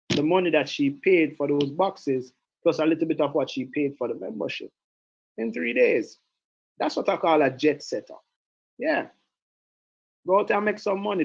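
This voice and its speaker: A man with a gravelly, husky voice delivers a motivational sales pep talk, energetic and persuasive. He keeps repeating himself and throwing questions at his listeners. The recording sounds dull and lo-fi. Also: on the high side. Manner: energetic, persuasive, repetitive, asks the audience questions. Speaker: network marketing team leader.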